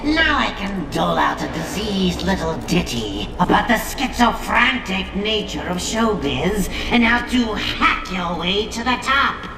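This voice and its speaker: A man voicing a gleefully ghoulish undead horror host with a shrill rasp, theatrical and punning, on a TV show. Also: big pitch swings, a little slow, hardly any pauses, full character voice. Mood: gleefully macabre. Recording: roomy, distant, music underneath.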